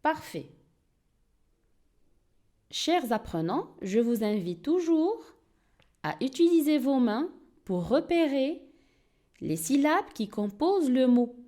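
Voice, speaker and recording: A woman teacher leads a beginner reading lesson at a very slow, deliberate pace. Her mellow voice rises and falls in a lively, sing-song way as she repeats each word for the class. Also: high-pitched. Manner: slow, clear, repeats words for pupils to echo. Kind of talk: early-reading lesson for young learners.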